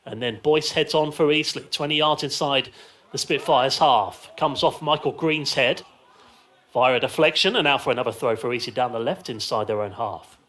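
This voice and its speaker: Outdoors in a football ground stand, a man delivers live radio commentary on the match, describing play in short, clipped phrases. His voice is medium-pitched and a bit bright, at a normal speed.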